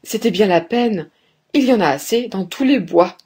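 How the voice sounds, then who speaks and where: Old tailor father, over 60, skeptical, voiced by a woman narrator; slow, husky. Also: mid-range voice, expressive, a little mellow. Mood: scoffing.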